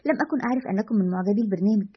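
A woman's voice: mid-range voice, rapid-fire, slightly rough, natural voice. A woman voicing a sarcastic, nosy male TV show host with a dismissive manner, in a dull lo-fi recording.

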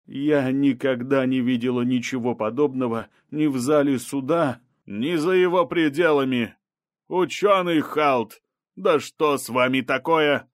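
A man reading an audiobook, voicing a stern female judge who gives booming, commanding reprimands. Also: a little slow, dry recording, studio quality, close to an everyday voice. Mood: astonished.

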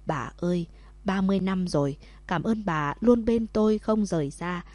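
Tender older husband in a storybook, read by a woman in her own warm voice, dry close sound. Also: fairly low pitch, normal speed, no room sound, lightly acted. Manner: tender, heartfelt. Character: older man tenderly proposing to wife.

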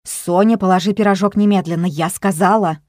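A woman's voice: medium pitch, steady tone, brisk, darkish tone, dry recording, clean studio sound, lightly acted. A woman voicing a careless, defensive younger sister in a family quarrel, in a storybook reading. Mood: flippant. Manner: defensive, flippant.

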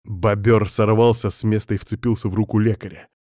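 A man reading a first-person story aloud in a steady, scripted audiobook narration. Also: lowish voice, brisk, dry recording, clean studio sound.

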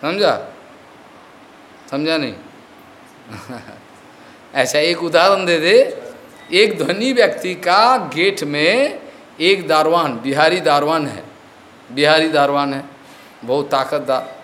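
A man's voice: on the high side, slow, long pauses, fairly bright tone, a little hiss or hum. A man giving a devotional discourse as a spiritual teacher, explaining with stories, slipping in English words and often asking whether his listeners have understood.

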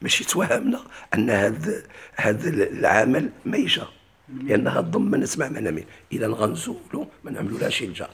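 Gravelly Moroccan-accented grammar teacher. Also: male voice, lowish voice, very animated, fast talker. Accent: Moroccan Arabic. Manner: asks questions and answers them himself. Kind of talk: classical grammar lesson.

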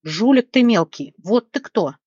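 A woman reading an audiobook and voicing a kind, quick-tempered young heroine who speaks earnestly and consolingly. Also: mid-range voice, lively intonation, mellow, slightly rough, dry recording, pitched above the performer's own voice. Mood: indignant. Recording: dull, dry lo-fi recording.

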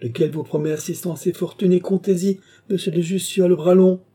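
Brief: acrimonious philosopher, voiced by a male narrator, dark and husky. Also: medium pitch, brisk, pitched above the performer's own voice, close to an everyday voice. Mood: bitter. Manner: sour, acrimonious. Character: bitter, suspicious aging philosopher.

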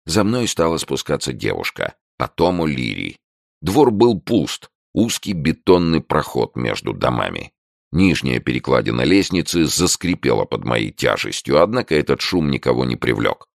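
Man, audiobook narrator, extremely deep, gravelly, dry close sound. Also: very animated, normal speed, dry recording. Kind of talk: first-person audiobook narration.

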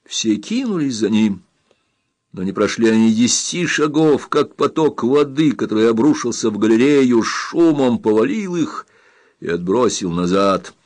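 A man reading an adventure novel aloud in a steady, measured narration. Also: mid-range voice. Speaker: audiobook narrator. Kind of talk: scripted narration.

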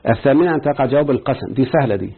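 Heard through a tinny, lo-fi phone-style recording, this Egyptian Arabic-accented teacher speaks in a husky, mid-range voice that is animated and racing. He works through a grammar lesson step by step, stopping to quiz his students.

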